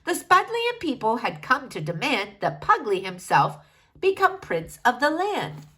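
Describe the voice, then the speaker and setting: Reading a rhyming children's storybook aloud, a woman uses a fairly high voice that is extremely animated. She takes her time, her pitch rising and falling expressively with the verse.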